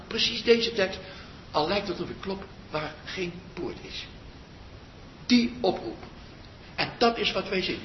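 An older man, a meditation teacher, giving a slow reflective spiritual talk that pauses often and trails off softly. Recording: muffled roomy recording with faint rumble.

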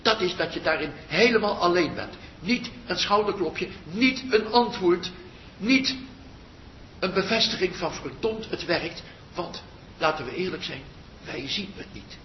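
An older man, a meditation teacher, giving a slow reflective spiritual talk that pauses often and trails off softly. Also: expressive. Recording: muffled roomy recording with faint rumble.

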